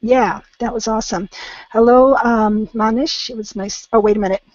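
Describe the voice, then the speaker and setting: A woman's voice: a little high, fairly even intonation, normal speed, a little mellow, dry recording, muffled recording. A woman teaching a live online English class, patient and encouraging, with many ums.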